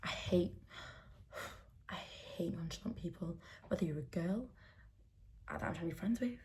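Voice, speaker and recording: This beauty vlogger speaks at a measured pace in a low, slightly mellow voice, rambling with frequent fillers in casual makeup chat. She's at home getting ready, with slight background noise.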